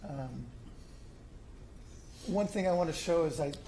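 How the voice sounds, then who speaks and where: A little hiss or hum sits under this fairly high, warm male voice speaking at a measured pace. The middle-aged homeowner applicant gives an informal presentation of his own plans to a city commission in a city hall meeting room, hesitant and full of ums and restarts.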